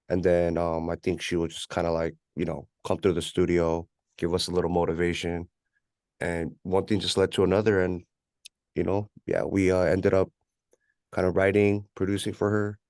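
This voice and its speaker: In a low, clear, resonant voice, a West Coast-accented interview guest from California, who raps and produces music, chats in a relaxed, meandering way, often saying "you know." There's no echo, and the studio sound is clean.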